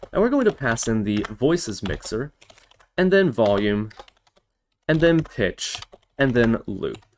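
Slight background noise sits under this man's medium-pitched voice as he leads a casual programming walkthrough captured on screen, describing each step in turn as he keys it in.

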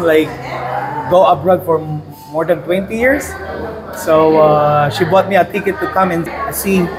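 A man from the Philippines, cheerfully retelling how he came to stay. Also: fairly high pitch. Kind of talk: casual storytelling. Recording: noisy outdoor ambience.

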